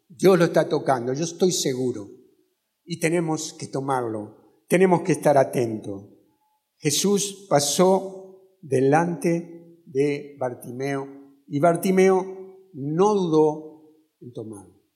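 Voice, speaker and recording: A man with an Argentine Spanish accent preaches a fervent sermon in a chapel, using a repetitive preaching cadence. His voice is fairly high in pitch with a darkish tone.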